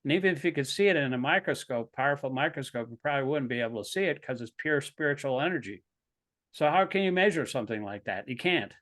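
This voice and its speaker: Brief: male class leader, mid-pitched, earnest, halting restarts. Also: fairly bright tone. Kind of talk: scripture class explanation.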